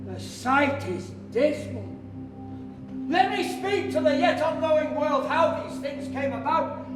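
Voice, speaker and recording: An actor playing a loyal, grieving young friend in a stage tragedy, with solemn, measured declamation. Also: male voice, very high-pitched, lively intonation, exaggerated voice. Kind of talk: theatrical stage tragedy in verse. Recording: distant reverberant hall, loud music.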